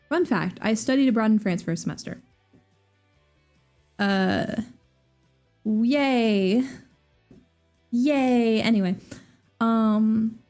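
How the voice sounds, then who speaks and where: A young woman chatting casually on her stream, lively and squeaking high when she quotes people. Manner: animated, jumps to high squeaky voices when quoting people. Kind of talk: casual chat. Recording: faint music behind.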